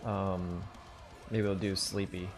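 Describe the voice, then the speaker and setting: Low-voiced man musing through a sketch lesson. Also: little pitch movement, takes it slowly, over music. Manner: rambling, thinks aloud with fillers. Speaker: streamer teaching drawing. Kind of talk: casual live-stream drawing lesson.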